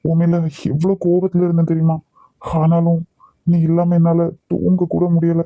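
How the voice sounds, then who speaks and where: A man's voice: a little high, completely flat delivery, normal speed, dry recording, narrow, tinny audio, natural voice. A man voicing an earnest, possessive young husband in a cartoon love story. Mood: insistent. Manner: earnest, insistent, emotional.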